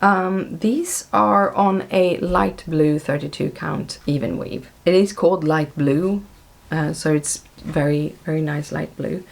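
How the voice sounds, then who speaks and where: Low-voiced woman chatting about her stitching. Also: slow pace, gravelly. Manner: chatty, with frequent ums and self-corrections. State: losing her voice. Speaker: cross stitch vlogger. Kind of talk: casual chat showing stitching projects.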